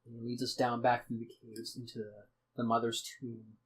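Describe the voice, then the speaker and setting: A young man tells a tabletop adventure in a loose, rambling way for a podcast. He swears freely and often restarts his sentences, and he slips into quick snatches of the characters' voices as he goes. His pitch sits in an ordinary middle range. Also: level tone, slightly rough, low-quality recording. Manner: acts out characters' lines in snippets. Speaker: podcast host recapping a tabletop game. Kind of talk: casual storytelling recap.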